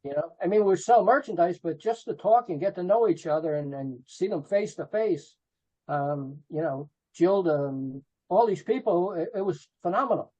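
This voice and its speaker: Animated and mellow, with a high voice and moderate pace, this middle-aged podcast guest from New Jersey, USA, reminisces about his work as a rock photographer. His manner is casual and informal, full of "you know," and the audio is dull lo-fi call quality.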